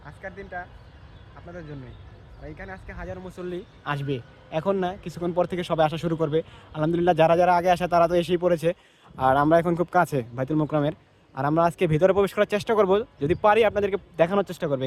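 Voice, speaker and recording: A man chatting casually to his viewers while walking around a busy mosque compound, sometimes lowering his voice. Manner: chatty, addresses viewers as brother, hushes voice at times. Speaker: vlogger. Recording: noisy outdoor phone recording.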